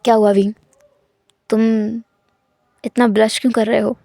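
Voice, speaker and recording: A woman voicing a cold, teasing, dominant young husband in a storytelling fan fiction, speaking low, calm and insistent. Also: moderate pace, creaky, no room sound, studio quality, faint music behind.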